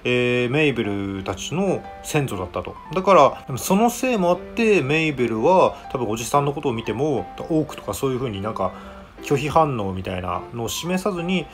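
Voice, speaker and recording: Lively chatty man reviewing anime. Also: mid-range voice. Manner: chatty, laughs often between remarks. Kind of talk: casual anime episode review.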